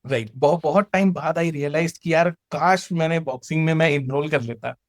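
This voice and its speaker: Chatting casually, an Indian-accented man recounts personal stories with lively acted-out dialogue, mixing Hindi and English. His higher-leaning voice keeps a moderate pace. The sound is clean studio audio with a dry recording.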